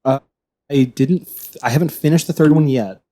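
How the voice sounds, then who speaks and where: A man's voice: a little high, normal speed, mellow. A man co-hosting a podcast, chatting casually and rambling, with his sentences often trailing off. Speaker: podcast co-host. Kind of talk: casual chat.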